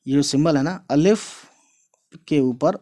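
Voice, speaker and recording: Man teaching Urdu to viewers: friendly "guys" address, patient repetition, slightly raised pitch. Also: measured pace, dark tone. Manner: patient, repetitive explaining with frequent checks. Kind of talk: online language lesson.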